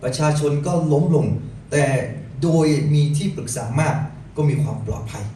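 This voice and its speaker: A man's voice: medium pitch, expressive, moderate pace, mellow. A man interpreting a sermon phrase by phrase for a congregation, addressing them politely and often. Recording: very echoey hall, distant, noisy.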